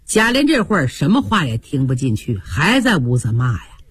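A woman narrating a classic tale for a radio story broadcast, lively and expressive. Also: rumbling low, moderate pace, husky, dry recording.

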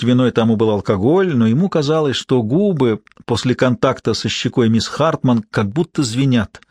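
A man narrating an audiobook in a measured, even storytelling manner. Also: mid-range voice, slightly rough, no echo. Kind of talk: scripted narration.

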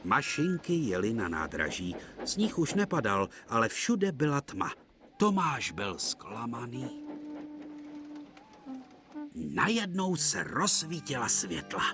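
A man narrating a dubbed children's TV cartoon in a gentle, expressive storybook style. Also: medium pitch, music in the background.

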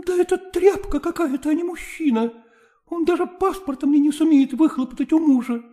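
A man's voice: extremely high pitch, a little fast, warm tone, voice pushed up. A man voicing a distressed young woman who pleads tearfully and snaps with scorn. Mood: anguished.

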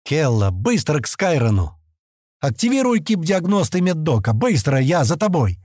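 A man's voice: on the high side, big pitch swings, moderate pace, darkish tone, no room sound, studio quality, voice pushed up. A man voicing a wary, terse space hunter who asks blunt questions in an audiobook reading.

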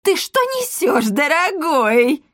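A woman voicing a hot-tempered wealthy mother with loud, shrill outbursts. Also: lively intonation, normal speed, dry recording, studio quality, lightly acted. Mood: angry.

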